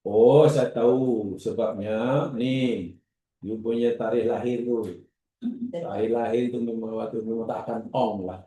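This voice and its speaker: A man with a Malaysian Malay accent teaching a religious class, lively, acting out examples and questioning his students. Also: medium pitch, measured pace. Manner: questions the class and repeats their answers. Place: classroom or prayer hall. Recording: roomy echo, distant mic.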